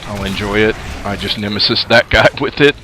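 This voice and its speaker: A man's voice: on the low side, brisk, noisy background. A man giving rambling, casual commentary over his own multiplayer match, full of fillers. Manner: rambling and conversational, many fillers. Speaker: gaming commentator.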